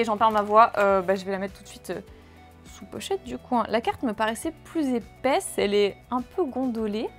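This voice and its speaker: A woman with a fairly high voice hosts a casual card-opening video. She rattles off card names and bursts into gushing exclamations. Faint music plays behind her. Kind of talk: excited casual card unboxing.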